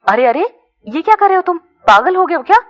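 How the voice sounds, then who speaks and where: A woman doing a chatty, high-voiced young woman. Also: very animated, moderate pace. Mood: alarmed. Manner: chatty, scolding. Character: bubbly chatty young woman, quick to scold. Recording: dull lo-fi recording.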